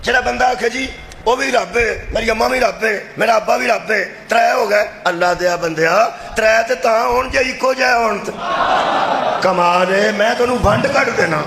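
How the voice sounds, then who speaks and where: A high-pitched, gravelly male preacher with a Punjabi accent delivers a fervent majlis sermon, now shouting, now dropping to confiding asides. His voice booms through an echoey loudspeaker setup with faint crowd ambience behind. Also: slight background noise. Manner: impassioned, shifting between shouting and low confiding asides; addresses the crowd directly with rhetorical questions. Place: religious gathering with loudspeaker. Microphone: loudspeaker microphone.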